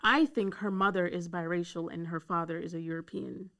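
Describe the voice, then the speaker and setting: A woman guest on a talk show, making her points clearly and backing them with examples. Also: on the low side, fairly even intonation, a little fast, a bit bright. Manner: articulate, builds points with examples. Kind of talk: casual debate talk.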